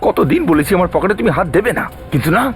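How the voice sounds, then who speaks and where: An actor playing an excitable, boastful, self-pitying police officer with a melodramatic manner in a dubbed TV crime drama. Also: male voice, high-pitched, very fast, soft background music. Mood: panicked, self-pitying. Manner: melodramatic muttering and exclaiming.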